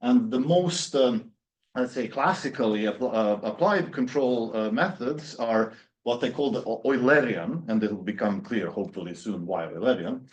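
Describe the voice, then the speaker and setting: A man's voice: mid-range voice, normal speed. A man in his thirties from Serbia, giving an academic lecture with many fillers and restarts. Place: university seminar room.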